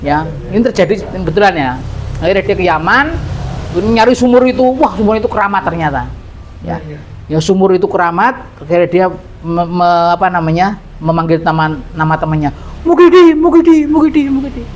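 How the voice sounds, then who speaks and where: Animated Javanese preacher telling a story. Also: male voice, high-pitched, fairly quick, a little hiss or hum. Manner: animated storyteller, mixes Javanese into his talk. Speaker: Islamic preacher. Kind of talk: storytelling sermon.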